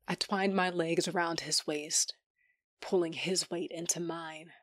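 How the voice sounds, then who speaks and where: A woman with a fairly low, steady voice narrates in first person for an audio drama, playing a tough, sardonic young fighter telling her own story. The delivery is a little slow, lightly acted, intimate and wry, sometimes dropping to a whisper, on a dry recording.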